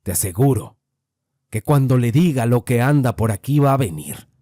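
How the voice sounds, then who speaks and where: A man voicing an older rural mountain man, grave and wary, speaking slowly and low. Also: expressive, mellow, no echo, clean studio sound, natural voice. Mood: grave warning.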